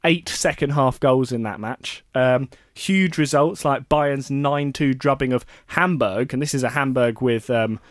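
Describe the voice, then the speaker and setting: A man's voice: mid-range voice, a little slow, few pauses, no echo, studio quality. Chatty male sports radio host. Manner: chatty, laughs often, self-correcting. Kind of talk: casual radio chat.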